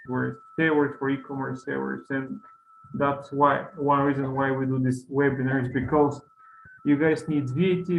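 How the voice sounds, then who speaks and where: A man's voice: medium pitch, creaky. A man hosting an online webinar in a casual way, reading out questions from the audience. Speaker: webinar host. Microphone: makeshift setup on online call. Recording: hissy, echoey, phone-like call audio.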